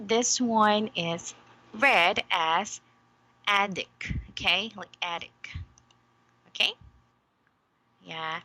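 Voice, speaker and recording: A woman teaches a one-on-one English lesson over a computer mic, unhurried and deliberate. Her voice is bright and forward, and she checks in with her student after nearly every phrase. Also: mid-range voice, poor audio. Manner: patient, slow, frequent "okay?" checks.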